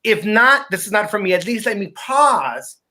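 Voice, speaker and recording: A man's voice: sits high, big pitch swings, normal speed, bright, forceful tone. A man speaking as a guest in a conversational talk, earnest and emphatic, often repeating words as he starts a sentence.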